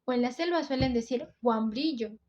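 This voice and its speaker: Higher-pitched Peruvian teen girl explaining. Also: moderate pace, a little mellow, dull audio, slight background noise. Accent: Peruvian coastal Spanish. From Peru. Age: teens. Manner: explains step by step, often says "entonces". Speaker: student presenter. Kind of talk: school explainer video.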